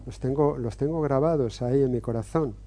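Man in his 50s answering faith questions, earnest, reflective, very mellow dark voice, lots of little hesitations. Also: medium pitch, brisk. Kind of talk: personal testimony and teaching.

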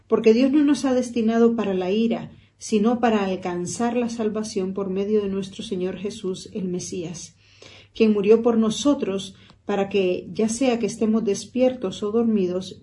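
A female pastor reading scripture aloud at a steady, measured pace. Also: medium pitch.

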